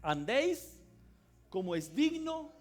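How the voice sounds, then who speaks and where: High-voiced preacher, emphatic. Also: male voice, big pitch swings, slow pace, faint music behind. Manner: calls on the congregation to respond aloud; emphatic, sweeps between loud cries and quiet asides. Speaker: pastor. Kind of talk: sermon. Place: church service hall.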